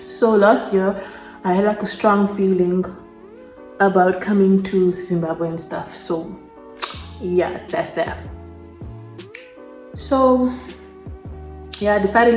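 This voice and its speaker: A woman's voice: mid-range voice, slow, long pauses, darkish tone, soft background music. A young woman chatting casually while doing her makeup, rambling with lots of "like" fillers. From South Africa. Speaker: beauty vlogger. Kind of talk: casual get-ready-with-me chat. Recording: echoey room.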